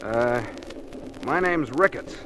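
A man's voice: medium pitch, lively intonation, slow, background noise. A man playing a chatty, probing stranger on a train in a 1940s radio drama. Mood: casual, probing. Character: inquisitive, casual male stranger on a train.

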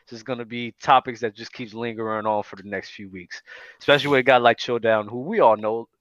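A man's voice: medium pitch, steady tone, fast, a bit bright, dry recording. A man in casual sports banter as a podcast panelist, emphatic and repeating his phrases. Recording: slightly dull, lo-fi mic sound.

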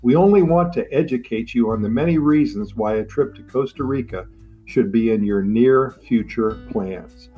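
A man's voice: medium pitch, a little mellow, slightly rough. A man narrating in a nature documentary style as a podcast host, with enthusiastic, promotional delivery. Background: plucked guitar music.

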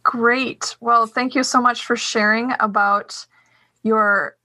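A woman's voice: on the high side, fairly even intonation, slow, bright, forceful tone, no room sound. A woman hosting a podcast, asking follow-up questions and encouraging her guest. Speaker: podcast host. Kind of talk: interview questions.

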